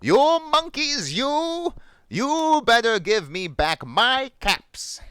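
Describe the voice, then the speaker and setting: A man voicing an exasperated, scolding storybook cap peddler with emphatic, drawn-out, stammering shouts. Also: extremely high pitch, big pitch swings, smooth, no echo, clean studio sound, pitched above the performer's own voice, exaggerated voice. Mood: angry scolding.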